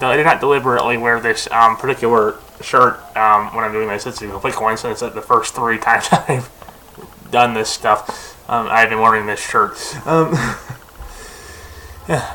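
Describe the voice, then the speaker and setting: A man's voice: medium pitch, bright, forceful tone, slight background noise, rough recording. A young man talking casually at his computer, rambling with lots of fillers, restarts and tangents. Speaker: video host.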